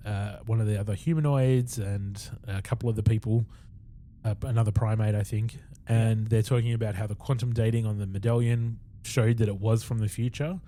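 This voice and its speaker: A man's voice: lowish voice, warm tone, slight background noise. A man with an Australian accent co-hosting a podcast, casually recapping an episode in a rambling way with fillers and chuckles. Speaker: podcast co-host.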